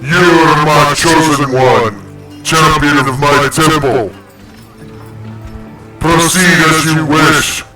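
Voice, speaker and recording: A man voicing a magically amplified booming forge god. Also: steady tone, slow, pauses often, roomy sound, recorded from a distance, music in the background, rough recording. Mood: booming, commanding. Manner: proclaiming, commanding, archaic. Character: booming ancient male forge god speaking from an anvil. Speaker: game master.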